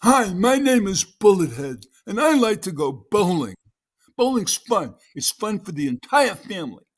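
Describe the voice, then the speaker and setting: A man voicing a goofy, cheerful bald bowling fan in a high, funny New York accent. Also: big pitch swings, normal speed. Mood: cheery.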